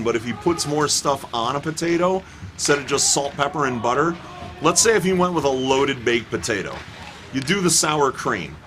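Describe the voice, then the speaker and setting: A man's voice: mid-range voice, noisy background. A man calling an amateur hockey game from the booth, roasting players with playful jokes. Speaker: play-by-play announcer. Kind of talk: joking amateur hockey commentary. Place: rink booth.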